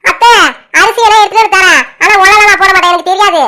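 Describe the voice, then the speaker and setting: A woman's voice: very high-pitched, fairly even intonation, racing, pushed and bright. Woman doing an evasive young daughter.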